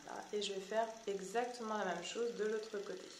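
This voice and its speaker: A woman's voice: mid-range voice, fairly even intonation, fairly quick, echoey room, a little hiss or hum. A woman giving a product demonstration tutorial and explaining each step directly to the viewer. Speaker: beauty product seller.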